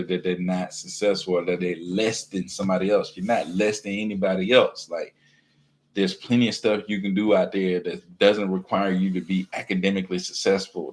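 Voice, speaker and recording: A man talking casually and earnestly to camera, encouraging viewers and filling his speech with "man" and "you know what I'm saying". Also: low-pitched. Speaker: teacher and real estate wholesaler vlogger. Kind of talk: casual motivational talk to camera.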